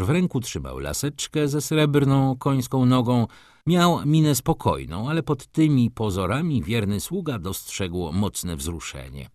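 Expressive male audiobook narrator. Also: medium pitch, dry recording, studio quality. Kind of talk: scripted narration of a classic novel.

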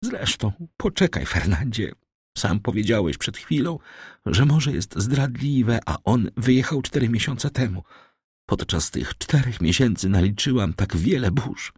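A man's voice: mid-range voice, animated, unhurried, darkish tone, breathy edge, no room sound, studio quality, voice pushed up. A man voicing a poor young village woman, firm and earnest as she turns down a suitor. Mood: fearful.

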